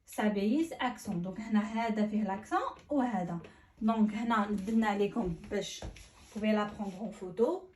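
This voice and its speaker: A woman's voice: medium pitch, fairly quick, a little mellow. A woman language teacher drilling verb conjugations for a class, insistent and repeating her key points while mixing languages. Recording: echoey room, voice from a distance.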